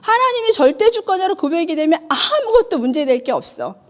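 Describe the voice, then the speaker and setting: Woman evangelist in her 50s, sermon; high, very animated delivery, acts out the dialogue. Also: fairly quick. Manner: chatty, asks the congregation questions. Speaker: evangelist preaching.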